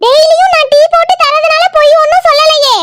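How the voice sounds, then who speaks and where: A woman's voice: extremely high pitch, steady tone, very noisy. Woman voicing a cheeky young daughter-in-law. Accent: southern Tamil Nadu. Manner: sassy, cheeky, quick retorts. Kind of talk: cartoon voice acting.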